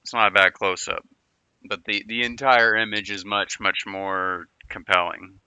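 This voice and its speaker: A man's voice: on the low side, flat delivery, unhurried, pushed and bright, clear, resonant tone, dry recording. A man chatting casually on a livestream, rambling and often repeating and restarting his words. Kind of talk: casual stream chat.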